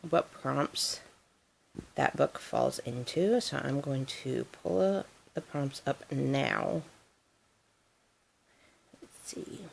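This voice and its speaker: A woman's voice: sits low, vocal fry, low-quality recording. A woman vlogging casually at home, rambling and easygoing with lots of fillers. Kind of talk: casual diary-style chat.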